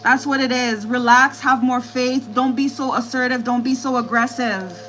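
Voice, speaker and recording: A woman's voice: sits high, steady tone, moderate pace, a bit bright, a little hiss or hum, rough recording. A woman doing a live tarot reading, repeating herself reassuringly as she relays messages from spirits. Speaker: tarot reader.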